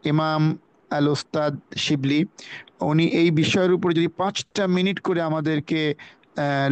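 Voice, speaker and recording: A man's voice: a little high, dry recording. A man teaching a religious lesson over a video call, explaining word by word, repeating key phrases and reciting Arabic. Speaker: religious study speaker. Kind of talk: religious lesson on Quran pronunciation.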